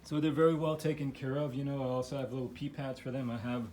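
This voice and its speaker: In this low-quality recording with some hiss or hum, a man speaks quickly in a level, medium-pitched, darkish voice. He's losing his voice while showing his guinea pigs' setup in his living room, rambling casually through the home vlog with many fillers and restarts.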